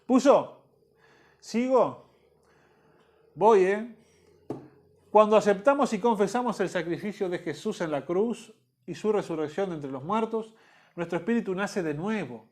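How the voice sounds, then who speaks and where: A man's voice: high-pitched, lively intonation, fairly quick. A man teaching a church discipleship Bible class in Rioplatense Spanish, repeating key points and checking in with the listeners.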